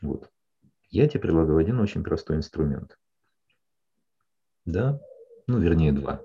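A psychologist with a deep, warm, husky voice calmly explains things to a client in a counseling session. He often pauses to check she's following, asking "да?". The audio sounds a little dull and lo-fi.

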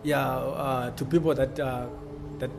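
A man from Zimbabwe, a coffee shop owner answering interview questions in an earnest, halting way with many restarts. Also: mid-range voice, level tone. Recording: music playing clearly behind.

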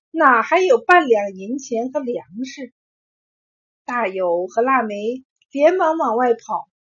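Slow, breathy woman telling a folk tale. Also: a little high. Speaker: storyteller. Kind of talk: scripted folk tale narration. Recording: dull lo-fi recording.

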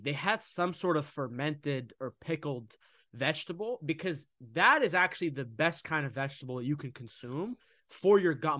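A young man talking casually about food and nutrition in a podcast conversation, animated, often slipping into mocking voices. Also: fairly high pitch, no room sound, studio quality. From United States.

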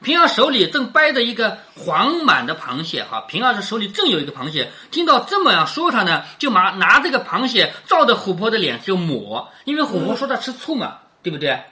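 Woman teacher, animated lecture on classic fiction, bright clear tone, keeps asking the class if they follow. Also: mid-range voice, a little fast, hardly any pauses. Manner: explains line by line, keeps checking in with questions. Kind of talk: classroom lecture reading and explaining a classic novel.

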